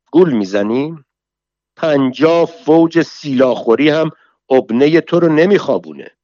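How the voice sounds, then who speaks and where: A man's voice: on the high side, no room sound, dull audio, close to an everyday voice. A man voicing a foul-mouthed, quarrelsome middle-aged woman, hurling insults while reading a story aloud. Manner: shouting insults, scolding.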